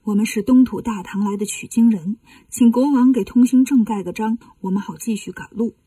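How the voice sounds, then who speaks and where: A woman doing a soft-spoken fussy monk. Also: fairly high pitch, fairly quick, breathy edge, no echo, recorded from a distance. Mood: mild. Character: gentle fussy male monk master.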